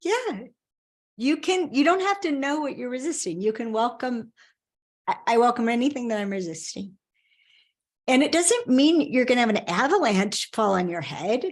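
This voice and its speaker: A woman's voice: a little high, animated, normal speed. A woman guest in an interview, talking in a conversational coaching way and telling stories with animation.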